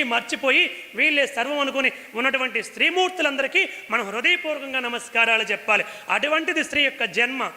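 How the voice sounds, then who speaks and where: Very high-voiced man giving a devotional discourse. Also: sharp tone. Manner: repetitive, rhetorical questions, addresses audience directly. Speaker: religious discourse speaker. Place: stage before a live audience. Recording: long hall reverb.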